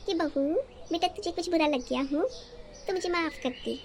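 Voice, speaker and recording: A woman's voice: very high-pitched, moderate pace, a little hiss or hum. A woman voicing a quarrelsome, resentful young wife in a cartoon story, scolding and sarcastic. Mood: angry.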